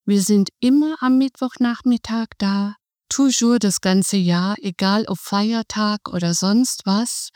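This podcast guest, a middle-aged hospice volunteer, has a warm, mellow voice at medium pitch. The close, dry recording carries her calm, methodical explanations.

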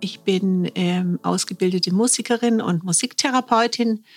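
A middle-aged woman from Germany, a music therapist and hospice volunteer, speaking as a guest in a thoughtful, warm way with frequent hesitations. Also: mid-range voice, normal speed. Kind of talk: interview guest, conversational.

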